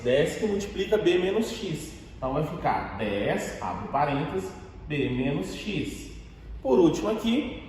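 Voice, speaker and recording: A man's voice: a little high, darkish tone, slight background noise. A man teaching a math lesson step by step, asking and answering his own questions. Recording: very echoey room with long reverb.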